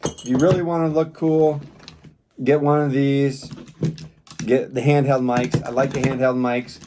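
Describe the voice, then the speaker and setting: At a measured pace and with flat delivery, a mid-range male voice offers a loose, off-the-cuff product review, plain-spoken and rambling. The recording is clear, with some background noise and clicks.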